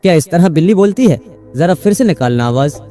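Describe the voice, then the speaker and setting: A man's voice: on the high side, lively intonation, mellow, faint music behind, close to an everyday voice. A man putting on a teasing, coy witch. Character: teasing, playful female witch spirit.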